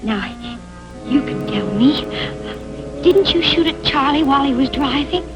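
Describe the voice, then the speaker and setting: A high, lively girl on a 1950s TV broadcast. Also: measured pace. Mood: earnest. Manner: eager, stammering when flustered. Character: earnest young girl, kind and quick to defend. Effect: 1950s TV broadcast soundtrack. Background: loud music score.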